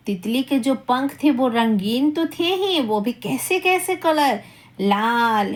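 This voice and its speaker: A woman telling a children's story, repeating each line and asking her young listeners questions. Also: high voice.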